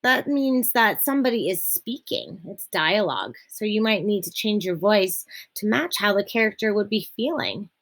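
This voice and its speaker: A young woman teacher walks children through a reading lesson, patient and clear in her explanations. She slows down to make each point and reads passages aloud with plenty of expression. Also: mid-range voice, animated, a bit bright.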